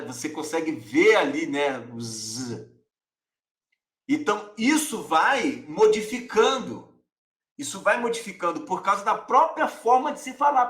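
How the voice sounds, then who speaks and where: A man's voice: high-pitched, fairly bright tone, reverberant. A man from Rio de Janeiro with a Carioca accent, giving a live-streamed Bible lesson and repeating words to demonstrate how they are pronounced. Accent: Carioca Brazilian Portuguese. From Rio de Janeiro, Brazil.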